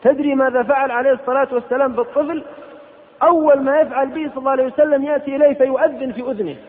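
A man preaching an impassioned sermon, scolding and rising to sharp outbursts. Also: extremely high pitch, fairly even intonation, very fast. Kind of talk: fiery sermon. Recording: tinny old cassette in a hall.

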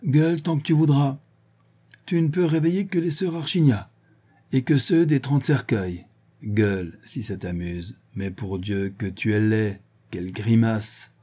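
A man voicing a jovial, ironic gentleman adventurer who taunts his captive theatrically, raising his voice higher than his narration. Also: a little slow, husky. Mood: mocking. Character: mocking, jovial gentleman adventurer, male, adult.

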